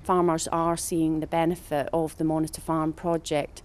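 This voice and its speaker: A woman's voice: low-pitched, level tone, normal speed, darkish tone. A woman in her forties, a farm project facilitator, giving earnest interview answers outdoors on a farm, with fillers and repeated words.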